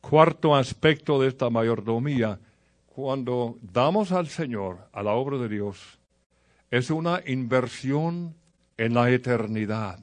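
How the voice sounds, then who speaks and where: Guy preaching, chatty sermon, talks right to the people, middle pitch. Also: lively intonation, slow pace. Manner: conversational preaching with anecdotes and direct address to the congregation.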